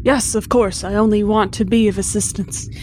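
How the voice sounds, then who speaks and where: A woman's voice: mid-range voice, steady tone, normal speed, mellow, slight background noise, close to an everyday voice. A woman playing a robot crew member who stiffly pretends to be human, speaking in overly formal phrases in a comic sci-fi sketch.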